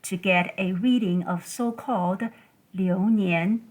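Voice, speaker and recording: A woman from Taiwan hosts a scripted solo talk in English. She speaks in a measured, deliberate way and sets out her points one at a time. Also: mid-range voice, fairly even intonation, darkish tone, rough recording. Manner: measured, deliberate delivery listing items one by one. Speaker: podcast host.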